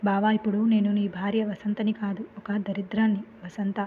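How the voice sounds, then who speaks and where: A woman's voice: medium pitch, level tone, normal speed, slight background noise, close to an everyday voice. A woman voicing a young village wife who pleads through tears, recorded with a tinny, phone-like sound. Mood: anguished. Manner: pleading, tearful.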